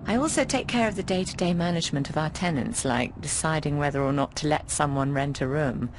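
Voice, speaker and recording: In a brisk, low register with a little hiss or hum on the track, an actress performs game dialogue as a teasing, worldly landlady in middle age. The tone is wry and informative, the drawl theatrical, and everyone gets called darling.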